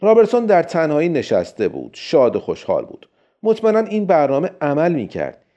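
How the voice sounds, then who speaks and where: A man narrating a science fiction story in a steady, storytelling way. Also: a little high. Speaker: audiobook narrator. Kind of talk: scripted narration. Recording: dull lo-fi recording.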